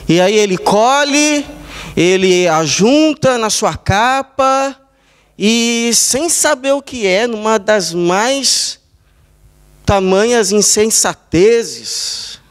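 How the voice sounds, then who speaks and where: A man with a Brazilian accent preaching a sermon as pastor, telling small stories in short, measured phrases. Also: very high voice, fairly bright tone, smooth. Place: church service.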